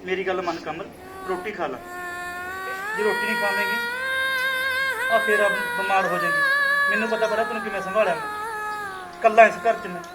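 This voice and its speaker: A man playing a kind young man who gently coaxes a grieving woman to eat in a short film. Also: high-pitched, sing-song, a little fast, long pauses, very noisy. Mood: coaxing. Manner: coaxing, gentle and persistent. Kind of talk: amateur short film acting. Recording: loud music behind.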